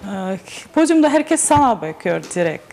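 A young woman with a foreign accent answers interview questions in broken, halting, simple non-native Turkish. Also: medium pitch, very animated, gravelly, a little mellow. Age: young adult. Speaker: guest, model and TV presenter. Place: TV studio. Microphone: lapel mic.

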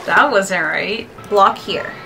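A woman in her twenties giving casual, excitable gameplay commentary, talking herself through her moves. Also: mid-range voice, takes it slowly, music in the background. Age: 20s. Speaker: gamer and streamer. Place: bedroom, indoors. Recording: clear background noise with clicking.

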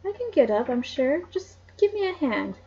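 A woman's voice: high voice, sing-song, normal speed, dark tone, muffled recording, pitched above the performer's own voice. A woman voicing an older female housekeeper who speaks shakily after being hurt, in a read-aloud novel. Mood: shaky. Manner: shaky, strained speech.

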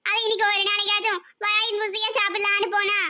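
A woman's voice: extremely high pitch, completely flat delivery, brisk, noisy background. A woman voicing a grumbling old village mother-in-law in a cartoon, with a southern Tamil accent and a complaining, scolding way of talking. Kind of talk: cartoon voice acting.

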